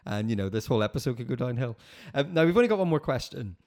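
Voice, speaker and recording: A man with a mid-range voice talks very quickly as a podcast host. His style is casual and encouraging, built from short repeated phrases. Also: medium pitch, animated, darkish tone. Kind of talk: casual interview chat.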